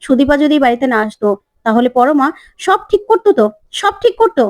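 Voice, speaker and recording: A woman doing a sharp-tongued aunt who talks back with pointed reproach. The voice is high and mellow, and the sound is dry. She is part of a spoken retelling of a serial. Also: sing-song, a little fast, dry recording. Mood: reproachful. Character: sharp-tongued aunt defending the poor daughter-in-law.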